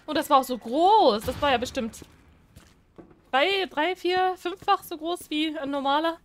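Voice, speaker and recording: A woman's voice: high-pitched, unhurried. A woman giving casual let's-play commentary, chatty and jumpy, pleading and squealing when scared. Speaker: gaming streamer.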